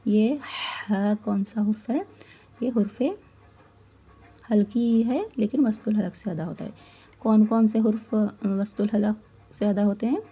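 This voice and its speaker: A woman's voice: mid-range voice, steady tone, a little slow, dark tone, breathy edge, dull audio. A woman teaching Quran recitation rules, who asks her listeners questions and then answers them herself, explaining patiently. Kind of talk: tajweed lesson.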